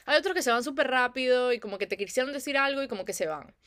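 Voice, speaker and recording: A woman's voice: high-pitched, animated, rapid-fire, no echo, studio quality. A young woman talks reflectively about feelings as a podcast host, chatty with many fillers. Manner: warm, chatty, many filler "como que". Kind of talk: reflective casual talk.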